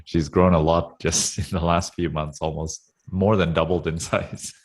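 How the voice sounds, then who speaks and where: Deep-voiced man, relaxed and chuckling. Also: a little slow, breathy edge. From Sri Lanka. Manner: relaxed, chuckles often, hesitant fillers. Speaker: interview guest. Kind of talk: casual interview talk. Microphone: video call.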